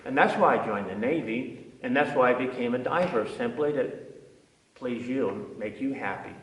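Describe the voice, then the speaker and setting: An older man, a former navy diver, telling a personal testimony in an earnest, halting way with frequent restarts. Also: mid-range voice, lo-fi sound. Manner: earnest storytelling, frequent uh and repeated words. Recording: echoey hall, from a distance.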